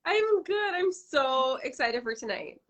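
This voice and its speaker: A Canadian brand founder in her thirties gushes bubbly in a casual video-call interview, packing her talk with "like." Her voice sits high and bright, sing-song and unhurried.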